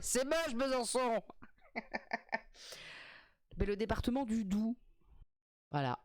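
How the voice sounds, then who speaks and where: A woman's voice: on the high side, dry recording, clean studio sound. A woman streaming live, reacting to a game show in casual chat, joking with her viewers and swearing often. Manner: chatty, swears, laughs often, jokes with chat.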